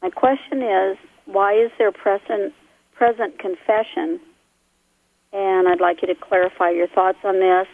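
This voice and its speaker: A woman calling in to a radio show over a phone line, polite and deliberate in how she phrases her question. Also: mid-range voice, fairly even intonation, gravelly. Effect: heard over a phone line.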